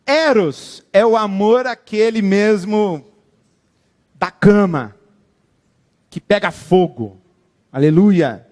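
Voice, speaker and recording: High-pitched guy preaching a sermon, dramatic, lots of hall echo. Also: slow pace, pauses often. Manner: animated, dramatic preaching with acted-out quotes. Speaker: pastor.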